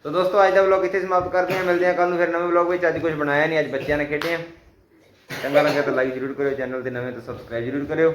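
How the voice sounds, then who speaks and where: A man's voice: fairly high pitch, level tone, very fast, noisy background. A man hosting a casual family vlog, calling out items in a game and coaxing the children with repeated phrases. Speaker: vlogger running a family game.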